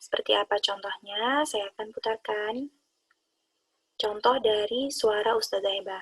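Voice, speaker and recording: A woman calmly explaining Quran recitation rules to her students. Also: medium pitch, normal speed, breathy edge. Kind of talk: explaining a lesson.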